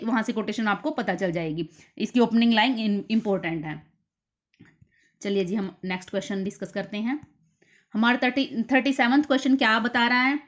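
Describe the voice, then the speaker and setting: A woman teacher explaining literature terms for an exam, slowly repeating key terms. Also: on the high side. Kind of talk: exam-prep lecture.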